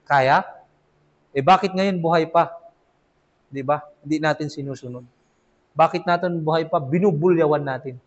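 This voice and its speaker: Imam teaching a weekly class, high voice, conversational, keeps asking listeners to agree, muffled lo-fi sound. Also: male voice, moderate pace, pauses often. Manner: conversational, asks "di ba?" often, acts out children's replies. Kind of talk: casual Islamic lesson. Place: mosque classroom. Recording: dull lo-fi recording.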